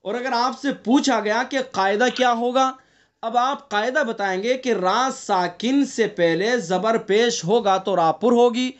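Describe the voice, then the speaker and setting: In an online class, a high-pitched man teaches Quran recitation, questioning his students and going over the rules step by step. He recites the verses slowly, drawing them out.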